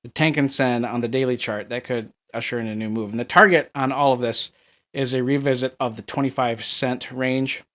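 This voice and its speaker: A middle-aged market analyst from Minnesota, with a Minnesotan accent, rambles through price charts in chart analysis commentary, full of fillers and restarts. His medium-pitched, fairly bright voice is a little fast with fairly even intonation.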